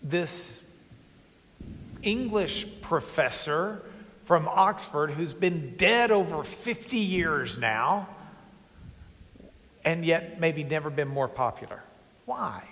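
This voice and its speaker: A male moderator on a panel with a fairly high voice. He asks his questions in a friendly way, and a long hall reverb trails after his words. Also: animated, slow pace, pauses often, fairly bright tone. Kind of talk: panel discussion.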